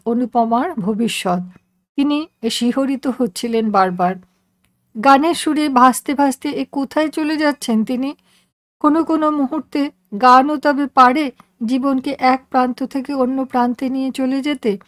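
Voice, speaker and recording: A woman reading a literary story aloud in a measured, reflective and expressive way. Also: high voice, dry recording. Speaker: story reader.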